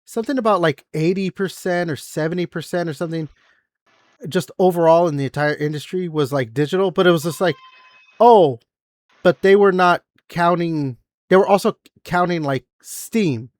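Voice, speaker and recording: In his forties, this podcast host chats casually about gaming news, rambling with lots of fillers and the odd swear. His voice is a little high, his pace moderate, and there's no room sound.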